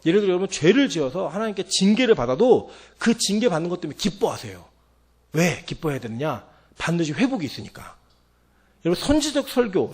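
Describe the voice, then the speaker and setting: A man preaching a sermon with a high, lively voice that swings widely in pitch. He talks fast and animatedly, acting out the voices he quotes as he speaks. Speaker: pastor.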